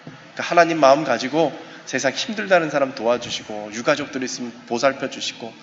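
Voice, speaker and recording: A man, a professor, giving a lively seminar talk in a church, acting out little exchanges with his listeners. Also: mid-range voice, brisk. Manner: animated, acts out short dialogues with the audience. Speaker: professor lecturing on suicide prevention. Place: church sanctuary. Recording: muffled recording, long church reverb, faint hiss.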